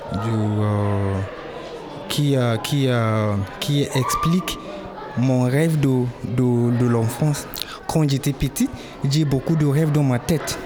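A man's voice: mid-range voice, slow, over music. A man from Nigeria, answering interview questions in learner French with many hesitations and fillers. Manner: hesitant, many fillers, warming up when describing dreams. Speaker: interviewee, dancer and exhibition participant.

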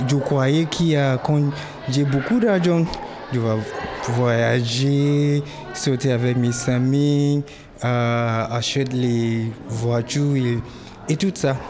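A man from Nigeria, answering interview questions in learner French with many hesitations and fillers. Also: mid-range voice. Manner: hesitant, many fillers, warming up when describing dreams. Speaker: interviewee, dancer and exhibition participant.

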